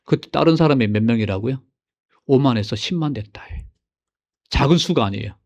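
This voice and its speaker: A man preaching a sermon as senior pastor, swinging between loud exclamations and hushed asides and putting questions to his congregation. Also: mid-range voice, animated, fairly quick.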